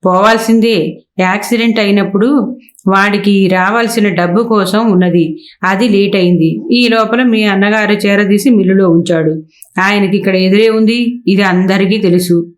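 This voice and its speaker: A woman's voice: medium pitch, normal speed, close to an everyday voice. A woman narrator voicing an older, cautious male mill manager who explains matters respectfully to his employer. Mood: explaining.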